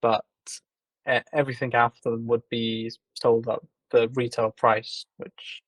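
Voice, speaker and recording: A man from the UK, founder of a small company, answers questions in a casual interview over a video call. He explains things in a measured way, with plenty of ums and uhs. His voice sits at an ordinary pitch, and the sound is dry. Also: level tone, no echo, poor audio.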